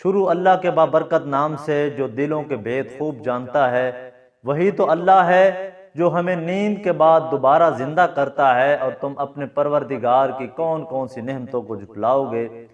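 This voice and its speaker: Male Pakistani teacher, patient board explanations, higher voice, far from a muffled mic. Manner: explains patiently, often checks understanding. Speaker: Korean language teacher. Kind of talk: classroom lesson at a board. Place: classroom, standing at a board. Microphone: camera mic from a distance. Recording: distant, dull camera audio.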